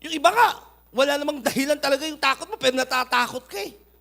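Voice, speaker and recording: A man preaching a sermon, swinging between loud urging and quiet asides. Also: extremely high pitch, expressive, quick pace, vocal fry. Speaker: pastor.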